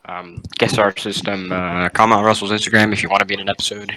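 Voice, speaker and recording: A teenage boy co-hosting a casual podcast, cutting in with quick questions and announcements. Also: lowish voice, level tone, bright, forceful tone, slight background noise, rough recording. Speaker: podcast co-host. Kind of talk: casual chat.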